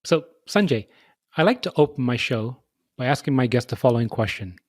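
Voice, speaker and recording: A man hosting a podcast interview, reading measured, scripted introductions and asking questions. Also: mid-range voice, animated, darkish tone, dry recording, clean studio sound. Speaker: podcast host.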